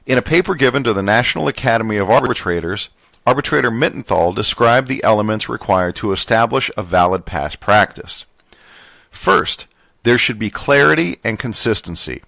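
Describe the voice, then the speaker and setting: Brief: male podcast host, low and slightly gravelly, steady reading of dense contract text, close and dry. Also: normal speed, no echo. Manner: plain, steady reading with occasional self-correcting stumbles. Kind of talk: reading a labor contract manual aloud with commentary.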